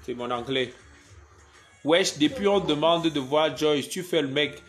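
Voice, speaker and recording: A man's voice: a little high, unhurried, soft background music. A young man from Cameroon with a Cameroonian French accent, chatting playfully on a live stream as a comedian and reading out viewer comments. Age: young adult. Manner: playful, joking, reads viewer comments aloud. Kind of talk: casual live-stream chat.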